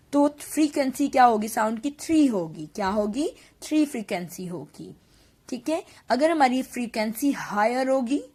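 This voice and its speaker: Slow, patient woman teaching science. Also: fairly high pitch. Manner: slow, repetitive teaching with question-and-answer checks to students; mixes Hindi with English terms, calls students "beta". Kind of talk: recorded online class lecture.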